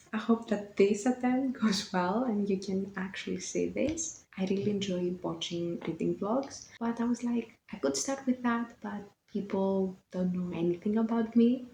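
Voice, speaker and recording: Speaking English with a Greek accent, this twenty-something book vlogger from Greece chats casually to camera, laughing often and a touch self-conscious. She has a mid-range, mellow voice with vocal fry, captured in a reverberant, rough recording with a little hiss or hum.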